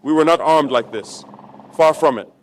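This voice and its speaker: A man's voice: on the high side, moderate pace. A man giving a rallying political speech to troops as a military leader, exhorting them with repetition and rhetorical questions.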